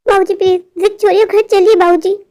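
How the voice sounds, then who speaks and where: A woman's voice: very high voice, level tone, fast, dark tone. A woman voicing an earnest young husband. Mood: pleading. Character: earnest young husband, dutiful son, pleading. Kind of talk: cartoon story voice acting.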